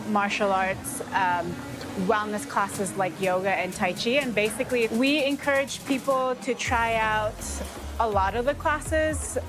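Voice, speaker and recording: A woman from the Philippines who runs a fitness gym, speaking hesitantly with many fillers in an interview. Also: mid-range voice. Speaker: fitness and martial arts gym owner. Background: music.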